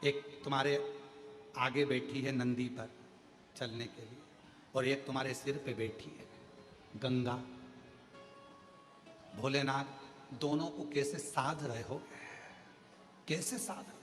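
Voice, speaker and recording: A man voicing a demon king who pleads softly and humbly in a devotional story. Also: fairly even intonation, slow, long pauses, close to an everyday voice. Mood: amused. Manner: soft, low, imploring. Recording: echoey hall, faint music.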